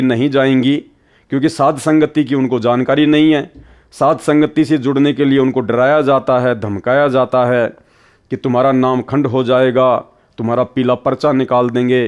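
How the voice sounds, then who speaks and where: A man delivers a devotional sermon in a steady, mid-pitched voice. He speaks earnestly and admonishes his listeners, and the recording sounds slightly muffled and lo-fi. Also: clear, resonant tone. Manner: earnest, admonishing, acts out quoted voices in a story. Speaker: preacher.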